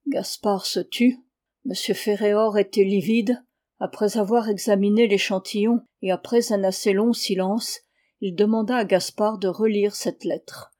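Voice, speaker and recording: A woman reading a classic novel aloud in measured, even narration. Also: medium pitch. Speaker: reader.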